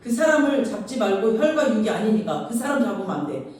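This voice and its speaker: A woman pastor preaching in her church, spinning a story and acting out its voices with chatty asides. Her tone is dark and mellow. The sound booms around a very reverberant hall, caught from far away. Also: sing-song, a little fast. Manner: storytelling, acts out quoted voices, informal asides. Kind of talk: sermon. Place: church sanctuary. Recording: very echoey hall, far from mic.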